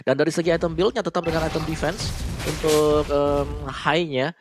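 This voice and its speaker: A man's voice: on the high side, steady tone, normal speed, music in the background. A man with an Indonesian accent giving analytical commentary on an esports match. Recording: clear noise behind the voice.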